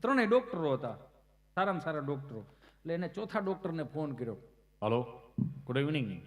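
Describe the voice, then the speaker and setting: A man telling comic stories on stage, chatty and anecdotal, acting out the other people's voices and breaking into loud chanted verse. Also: on the high side, sing-song, quick pace. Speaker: folk comedian and storyteller. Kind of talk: Gujarati comic storytelling on stage.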